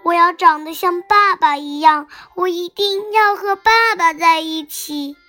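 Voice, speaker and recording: A woman plays a small dinosaur child in a storybook, his voice pitched very high and shining bright. He sounds excited and pleading. Soft music runs beneath a slow, unhurried delivery. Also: exaggerated voice. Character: eager little baby dinosaur boy.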